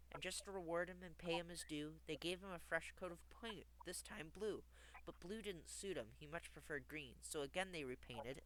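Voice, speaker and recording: A man's voice: fairly high pitch, pushed and bright, low-quality recording. A man reading rhymed children's stories aloud in a sing-song, rhythmic way as a livestream host. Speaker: streamer reading bedtime stories. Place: home streaming setup.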